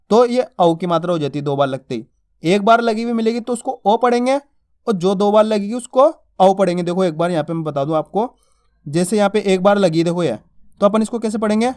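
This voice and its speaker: A man with a high voice teaching Hindi reading. He sounds out syllables slowly and stresses each vowel hard. He drills the viewer with repeated questions and answers. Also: a little mellow. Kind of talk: spoken lesson.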